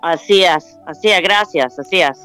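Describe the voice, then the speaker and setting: A middle-aged woman with an American accent and English as her first language, a guest on a remote call who speaks in a calm, unhurried way and slips in English words. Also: fairly low pitch, smooth, faint music behind, rough recording. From United States. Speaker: guest astrologer and yoga teacher. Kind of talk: remote interview over a call.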